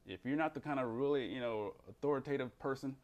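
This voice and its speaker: A man, a behavior change counselor, giving a motivational self-help talk that swings between emphatic, animated delivery and a slow, low, calm voice.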